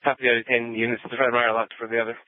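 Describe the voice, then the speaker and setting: A man's voice: mid-range voice, flat delivery, rapid-fire, no room sound. A man working as police dispatcher, reading back calls in clipped, routine phrases, heard over a police scanner radio. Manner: clipped, routine read-backs. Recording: dry, tinny radio band.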